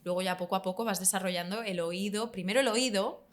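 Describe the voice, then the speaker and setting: Woman, language teacher guest, confident explainer, mid pitch. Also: fast. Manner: explanatory, confident, lively emphasis. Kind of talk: conversational interview.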